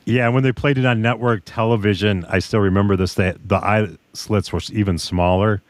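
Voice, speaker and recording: Low-voiced man rambling on a podcast. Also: steady tone, brisk, no echo. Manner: rambling, loses his train of thought. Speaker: podcast co-host. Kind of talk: casual podcast chat.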